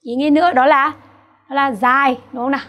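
Her voice sits high and a bit bright, steady in tone, moving at a quick pace. This young Chinese teacher with a Vietnamese accent works patiently through vocabulary, posing rhetorical checks so students can keep up.

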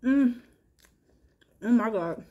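A woman reviewing food on camera, talking excitedly with her mouth full of food. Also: fairly high pitch, very slow, lo-fi sound. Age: adult with a son. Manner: excited, exclamatory. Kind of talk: casual food review vlog.

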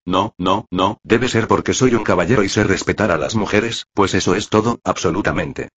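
Male narrator for a translated web novel: husky, reads ellipses out literally, lo-fi sound. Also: deep voice, normal speed, fairly bright tone. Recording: dull lo-fi recording.

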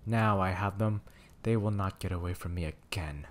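A man's voice: sits low, steady tone, normal speed, a little mellow, a little hiss or hum, close to an everyday voice. A man voicing a wicked, scornful old witch who scolds harshly in a bedtime storybook reading. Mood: gloating.

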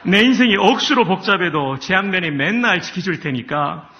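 Brief: a man playing a cheerful, blunt Gyeongsang-accented man, high and forceful. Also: animated, moderate pace, muffled recording. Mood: jaunty. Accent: Gyeongsang dialect. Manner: punchy, blunt rustic delivery.

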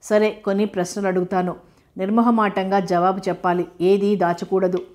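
A woman reading the part of a calm, tender young detective hero in an audiobook, speaking gently and reassuringly. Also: mid-range voice, moderate pace, lightly acted.

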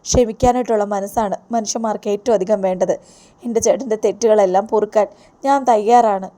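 A woman's voice: mid-range voice, a little fast, dark tone, lightly acted. A woman voicing a devoted young woman who forgives her brother, speaking earnestly.

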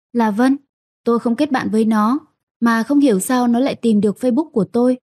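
Dark-toned woman reading a dramatic story. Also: on the high side, no room sound, clean studio sound. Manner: acts out every character's lines in her own voice. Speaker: audiobook narrator. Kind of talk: acted first-person story reading.

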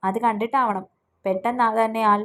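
Female storyteller with a higher-pitched voice, earnest, emotional first-person romance narration. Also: steady tone, moderate pace, a bit bright.

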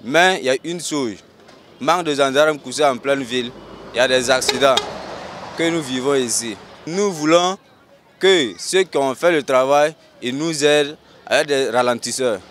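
Male resident, slow measured answer, faint street noise behind. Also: mid-range voice.

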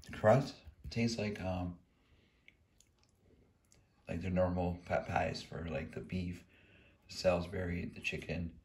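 A man casually reviewing a frozen meal while eating, rambling in a relaxed way. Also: low-pitched. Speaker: food reviewer. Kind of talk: casual food review vlog.

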